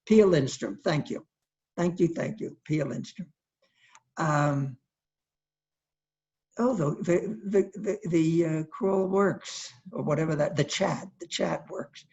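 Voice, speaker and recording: A man's voice: on the high side, slow, gravelly, pauses often, darkish tone. A man in his eighties performing a solo storytelling monologue, chatty and anecdotal, acting out the people he quotes. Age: 80s. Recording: dull lo-fi streamed audio.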